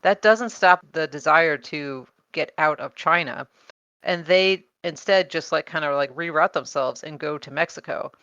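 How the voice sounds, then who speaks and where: A woman's voice: low-pitched, moderate pace, fairly bright tone, no echo. Woman podcaster rambling through her history research, lots of likes and laughs, a bit dull lo-fi audio. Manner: chatty, laughs often, many fillers and restarts. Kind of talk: casual explanatory chat.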